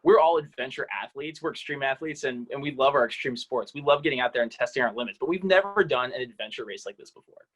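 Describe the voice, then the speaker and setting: A man's voice: mid-range voice, fast, few pauses, a bit bright. A man in his twenties from Washington State, speaking with enthusiasm and confidence about his team. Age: 20s. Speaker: team member. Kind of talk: casual team introduction.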